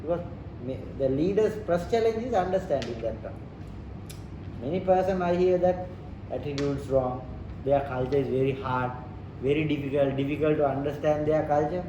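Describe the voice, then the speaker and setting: This interviewee, a Sri Lankan man whose first language isn't English, breaks down leadership and culture piece by piece in plain English, looping back over what he says. He talks at a normal speed in a voice a bit high for a man. The lo-fi audio is captured from afar in a roomy space with noticeable background noise.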